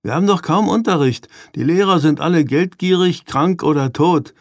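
A man's voice: a little high, normal speed, no echo, studio quality, pitched above the performer's own voice, natural voice. A man doing a defiant, hot-headed little boy. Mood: defiant, heated. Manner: defiant, heated. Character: hot-tempered little boy, younger brother.

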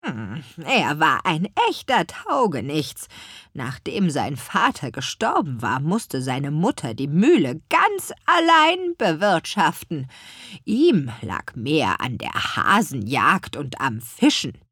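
A woman voicing a kindly, forgetful old grandmother witch in an audiobook, with a raspy, croaking voice and a drawn-out, high, cracked delivery. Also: wildly swooping pitch, a bit bright, no room sound, studio quality, heavily acted. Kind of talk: audiobook character voice.

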